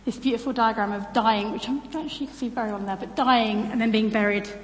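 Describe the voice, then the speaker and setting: Speaking a little high and fast with fairly even intonation, a British woman gives an informal, self-deprecating church talk on baptism to a congregation. The large church room creates an echoey hall sound with long reverb.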